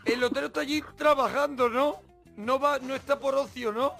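A man's voice: very high voice, steady tone, normal speed, creaky, a bit bright, soft background music. A man co-hosting a comedy radio show, casually prodding a caller with teasing questions.

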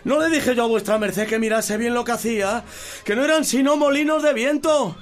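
An actor playing a simple, cautious peasant squire who speaks plainly and earnestly. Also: male voice, extremely high pitch, moderate pace. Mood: exasperated. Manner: plain-spoken, earnest pleading.

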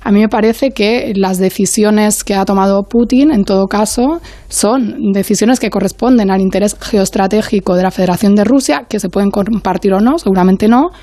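On a panel, a woman appears as an academic guest, speaking in a measured, analytical manner and frequently pausing to find the right word. Her mid-range voice has a dark tone, captured in a dry, studio-quality recording.

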